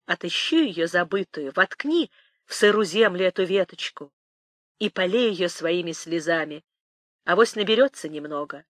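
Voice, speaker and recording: A woman voicing an old village nanny, tender yet sly, crooning and lamenting in a lively, singsong way. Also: lowish voice, normal speed, no echo, studio quality. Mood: coaxing. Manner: crooning, lamenting, shifting to hushed whispers.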